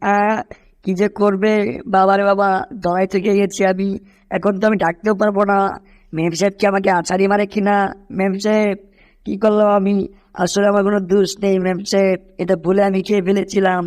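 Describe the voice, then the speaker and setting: A woman's voice: mid-range voice, little pitch movement, fairly quick, darkish tone, close to an everyday voice. A woman voicing a hungry, scheming male house cat in a fan cartoon dub, muttering and groaning to himself. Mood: fearful.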